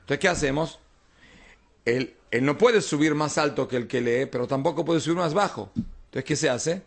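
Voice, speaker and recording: A man's voice: fairly high pitch, normal speed, creaky. A man, a rabbi, teaching an informal Talmud class, explaining texts and often checking that his students follow.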